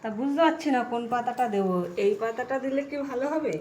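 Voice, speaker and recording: Casting: woman, highish voice, chatty homely cooking vlogger, recorded in an echoing room with kitchen noise. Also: fast. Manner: chatty, homely, asking viewers small questions. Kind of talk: casual cooking vlog chat. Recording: echoey room, clear background noise, kitchen clatter.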